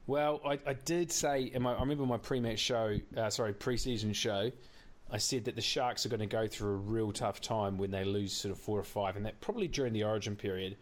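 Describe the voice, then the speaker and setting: A man's voice: fairly low pitch, fairly even intonation, a little fast. A man giving blunt, sweary opinions as a casual sports co-host. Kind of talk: casual rugby league commentary.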